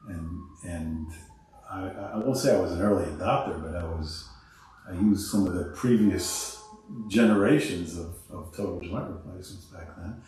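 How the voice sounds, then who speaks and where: Halting, roomy-sounding male surgeon. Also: sits low, a little mellow. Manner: halting, many restarts and self-corrections. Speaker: oral surgeon guest. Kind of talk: conversational interview. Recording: roomy, distant mic.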